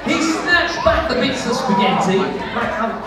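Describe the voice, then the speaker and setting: A man's voice: very high-pitched, expressive, measured pace. A middle-aged man doing kids' party magician patter on stage, theatrical and cheeky, teasing the audience. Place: large indoor show room with stage. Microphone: handheld stage microphone through PA, filmed from the audience. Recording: echoey hall, distant phone recording, crowd noise. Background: audience of children and adults.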